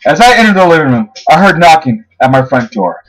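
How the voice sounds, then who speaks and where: A man's voice: fairly high pitch, very animated, brisk, faint music behind, low-quality recording. A man reading his own first-person horror story aloud, his voice rising on the dramatic moments. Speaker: narrator.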